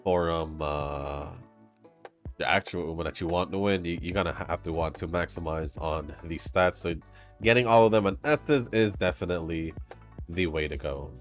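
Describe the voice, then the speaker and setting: A deep-voiced man talking at normal speed hosts a gaming channel, casually chatting as he plays. His nose is stuffy and congested, he rambles and laughs between comments, and soft game music plays faintly.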